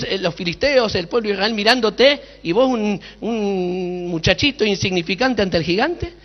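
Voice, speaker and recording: A man preaches in a very high, bright-toned voice, telling stories with flair and firing rhetorical questions at the crowd. His sermon rings through a big echoey hall, and the recording sounds dull and lo-fi. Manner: dramatic storytelling, with sudden shouts and rhetorical questions. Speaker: pastor. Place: large hall at a conference.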